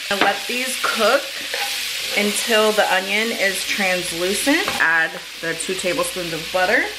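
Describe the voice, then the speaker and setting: A woman's voice: mid-range voice, a little slow. A woman in her thirties giving casual cooking instructions to viewers in her home kitchen. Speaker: home cook and vlogger. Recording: clear frying and kitchen noise. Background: sizzling food, stirring.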